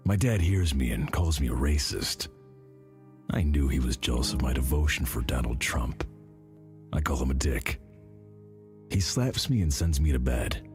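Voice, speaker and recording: A man narrating a meme story in a slow, deadpan way, his voice pitched way down so it sounds unnaturally deep. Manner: slow, flat, deadpan delivery. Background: music playing under the voice.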